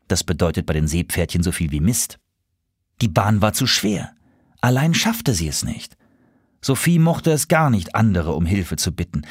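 A man reading a children's story aloud with an expressive, swooping delivery. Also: lowish voice, slightly rough, no room sound, clean studio sound.

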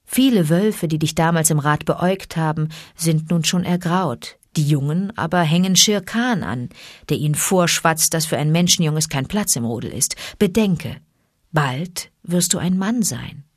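Wise protective panther, low and hushed, read by a woman; dry close sound. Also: a little slow, dry recording. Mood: confiding. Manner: calm, low and confiding, urgent at times. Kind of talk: audiobook character reading.

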